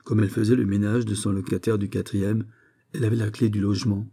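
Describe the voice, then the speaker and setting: A man reading a nineteenth-century short story aloud in a measured, steady narrating manner. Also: fairly low pitch, slightly rough. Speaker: audiobook reader. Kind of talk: literary audiobook narration.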